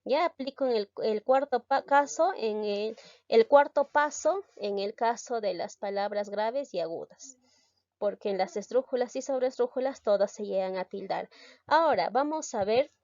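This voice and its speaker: A woman's voice: fairly high pitch, moderate pace, darkish tone, dry recording, lo-fi sound. A woman teaching a grammar lesson, explaining step by step and stressing key syllables.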